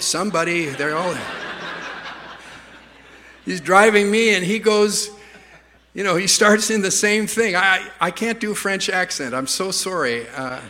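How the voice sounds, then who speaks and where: Rambling pastor, bright voice. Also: male voice, high voice. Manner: rambling anecdotes, stammering restarts, self-deprecating humor. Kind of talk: storytelling sermon. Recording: reverberant church hall.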